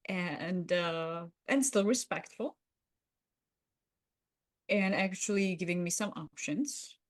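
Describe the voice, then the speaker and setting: Slow and fairly low-pitched, a woman on a conversational podcast affirms and encourages as co-host. The segment mixes roleplay with a relaxed debrief.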